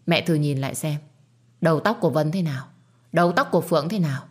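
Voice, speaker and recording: A woman voicing a calm, firm young man in a storybook reading, an elder brother who questions steadily. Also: sits low, quick pace, slightly rough.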